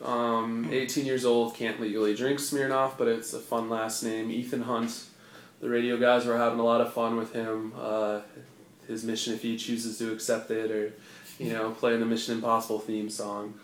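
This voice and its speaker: A man's voice: medium pitch, little pitch movement, moderate pace, a little hiss or hum. A young man co-hosting a casual sports podcast, with a dry, wry sense of humor. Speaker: podcast co-host. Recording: echoey room.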